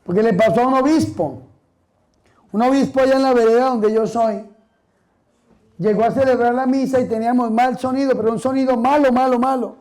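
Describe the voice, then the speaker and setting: Very high-voiced priest preaching. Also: male voice, steady tone, a little fast, a little mellow, poor audio. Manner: emphatic preaching, asks the congregation questions and answers them. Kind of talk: sermon.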